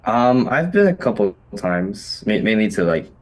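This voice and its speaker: A man's voice: fairly low pitch, very animated, a little slow. A young man from Hawaii, a college student on a video call, talking hesitantly with many ums and likes. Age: young adult. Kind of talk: casual video-call chat.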